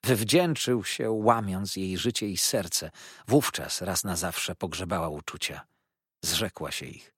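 A man's voice: sits low, measured pace, a bit bright, breathy edge, no echo, clean studio sound, exaggerated voice. A man reading an audiobook, voicing a proud, wounded older aunt who speaks in a dignified, reproachful way. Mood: grave.

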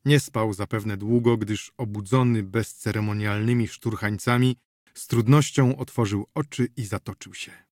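A man narrating an audiobook in a steady reading voice. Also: fairly low pitch, moderate pace, dry recording, clean studio sound.

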